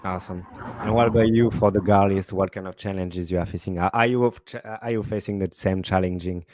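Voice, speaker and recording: A man with a French accent moderating a panel, asking questions with halting restarts. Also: sits low, fairly even intonation, darkish tone, dry recording. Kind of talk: online panel discussion.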